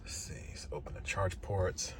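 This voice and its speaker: A man vlogging casually outdoors at car chargers, relaxed and offhand as he talks through each step. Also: measured pace. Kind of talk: casual narrated vlog. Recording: loud outdoor ambience and traffic noise. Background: loud outdoor and vehicle noise.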